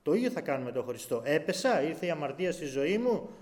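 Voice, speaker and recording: A male preacher with a slightly higher-than-usual voice delivers a heartfelt sermon. He swings between hushed, intimate passages and loud, urgent exhortations. He raises his voice to act out pleading cries. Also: sing-song. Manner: acts out quoted pleas in a raised voice.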